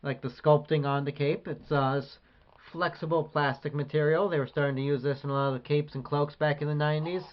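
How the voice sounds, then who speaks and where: A man's voice: a little high, steady tone, a little fast, lo-fi sound. A man reviewing an action figure in a casual, rambling way with many hesitations. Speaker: toy collector reviewer.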